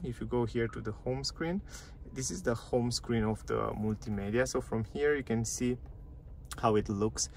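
Guy in a parked car going over the dash screens, kinda gravelly, says stuff twice, little background hum. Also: medium pitch, a little mellow. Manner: chatty, repeats phrases, non-native grammar. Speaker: car reviewer. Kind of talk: casual walkthrough.

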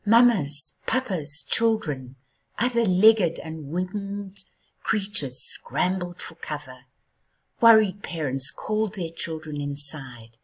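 A woman reading a children's story aloud in a soft, hushed, half-whispered way. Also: fairly low pitch, lively intonation, slow pace, slightly rough. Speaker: storybook reader.

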